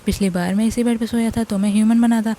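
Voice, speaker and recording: A woman's voice: a little high, steady tone, fast talker, warm tone, slight background noise, close to an everyday voice. A woman voicing an arrogant young male idol stuck as a dog, grumbling insults in a cocky way.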